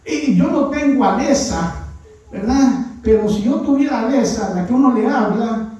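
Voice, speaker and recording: Male pastor giving a chatty sermon, keeps checking in with his crowd, mellow voice, heard from far off in a big echoey church. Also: very high voice, animated, moderate pace, highs cut off. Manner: peppers talk with tag questions, sometimes raises voice. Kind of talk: conversational sermon. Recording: very echoey church hall, distant mic.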